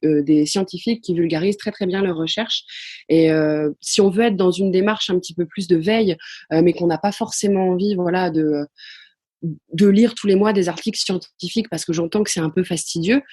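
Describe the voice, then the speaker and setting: Woman on a podcast, kinda husky, lots of euh and restarts while she explains. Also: lowish voice, a little mellow. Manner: hesitant, many fillers and restarts. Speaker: social psychology guest. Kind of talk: podcast interview answers.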